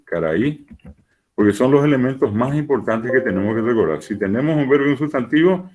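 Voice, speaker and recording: Speaking over what sounds like a video call, a teacher lectures in a low, somewhat mellow voice. He goes through examples patiently, repeating them to help his learners follow.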